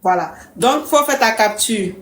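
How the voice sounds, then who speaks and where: A woman's voice: fairly high pitch, expressive, measured pace, slight background noise. A woman playing a bossy live-stream coach. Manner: mocking, imperious, threatens to block callers. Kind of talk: comic live-stream parody. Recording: roomy echo.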